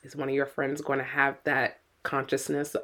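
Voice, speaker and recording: A woman's voice: a bass voice, monotone, moderate pace, a bit bright. A middle-aged woman co-hosting a podcast as a mother, talking earnestly and with worry, often repeating her words. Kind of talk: casual podcast chat.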